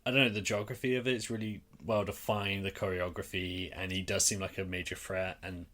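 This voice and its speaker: A man's voice: low-pitched, flat delivery, a little fast, fairly bright tone. A man co-hosting a podcast, recapping an episode in informal, sweary, casual chat and acting out paraphrased lines. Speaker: podcast co-host.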